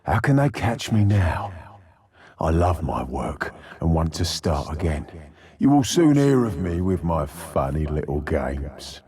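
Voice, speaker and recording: An actor playing a deranged, sadistic Victorian serial killer in a video game, with a gravelly, husky British voice and a theatrical, taunting delivery. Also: male voice, a bass voice, big pitch swings, darkish tone, exaggerated voice. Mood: gleeful, sinister. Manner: theatrical, taunting, drawn-out menace.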